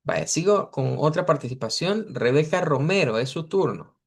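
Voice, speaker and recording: A man teaching an English pronunciation class over a video call, patiently repeating model words slowly for his students. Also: on the high side, animated, vocal fry, slightly rough. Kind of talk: online class correcting students.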